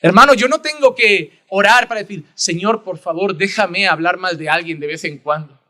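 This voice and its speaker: A man preaching a sermon as pastor, earnest, rising to loud emphasis and dropping to hushed prayer. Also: high voice, moderate pace.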